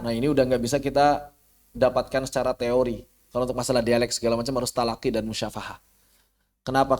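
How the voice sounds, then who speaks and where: A man with an Indonesian accent teaching an online Quran recitation lesson. He drags out syllables to show how they sound and asks and answers his own questions. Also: mid-range voice. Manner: casual, mutters to himself while fixing slides.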